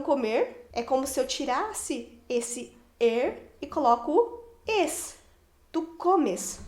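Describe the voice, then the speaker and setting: Brazilian woman, Portuguese native, Spanish teacher; high pitch, patient repetitive delivery, echoey room. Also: darkish tone. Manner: patient, repeats each form and ending slowly. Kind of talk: explaining grammar to learners.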